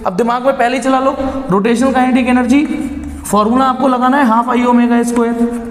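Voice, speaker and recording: Male physics tutor, very high voice, repeats each step patiently; long reverb in the room. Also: fairly even intonation, fairly quick. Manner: explains step by step, repeats key phrases, mixes Hindi with English terms. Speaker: physics teacher. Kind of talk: blackboard lesson.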